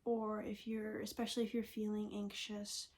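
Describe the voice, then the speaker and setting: A young woman talking in a casual, reflective vlog, soft-spoken and often slipping into a breathy half-whisper as she thinks aloud. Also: medium pitch, monotone, moderate pace. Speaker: vlogger.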